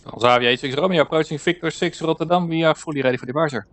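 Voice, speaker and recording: A man's voice: on the high side, racing, fairly bright tone. A man, an airline pilot giving clipped radio calls and checklist callouts over a cockpit headset microphone.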